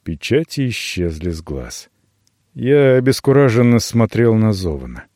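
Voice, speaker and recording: Brief: male audiobook narrator, animated, wide pitch range, dry close mic. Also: a little slow, dry recording.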